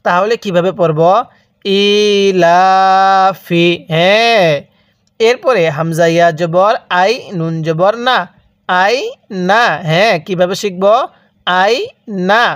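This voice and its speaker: A Bangladeshi man with a high, slightly bright voice teaches Quran reading step by step, drawing out each syllable slowly. He repeats lines and prompts the learner to read along with him. The recording is dry, with clean studio sound.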